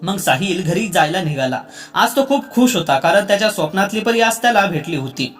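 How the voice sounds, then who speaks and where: A high-voiced man narrating a scripted story, gentle and even. Faint music plays underneath. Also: fairly quick.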